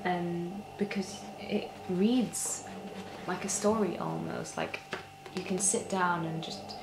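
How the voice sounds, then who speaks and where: A woman in a soft-spoken ASMR ASMR role-play as a librarian, talking in a hushed, gentle, hesitant way that nears a library soft voice. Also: lowish voice, fairly even intonation, slow. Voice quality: soft, hushed voice, near soft voice at times. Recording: roomy echo with clear background noise.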